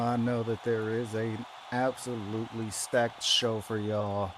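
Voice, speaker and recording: A man playing a swaggering pro wrestler, delivering a deliberate, emphatic in-ring promo with drawn-out words. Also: medium pitch, close to an everyday voice. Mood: commanding. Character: swaggering male pro wrestler calling out the champion.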